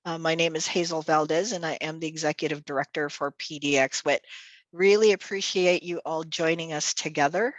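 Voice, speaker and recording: A woman whose first language is Tagalog hosts a virtual event as executive director, giving the welcome and announcements over a video call from home or an office. She's chatty and upbeat with many fillers, her low, steady voice a little fast and free of room sound.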